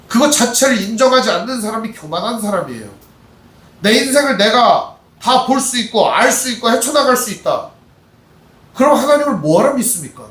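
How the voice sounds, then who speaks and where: A man's voice: sits high, a bit bright, roomy sound, recorded from a distance. A man with a Chungcheong accent preaching an expository sermon as pastor, talking conversationally and asking the congregation questions.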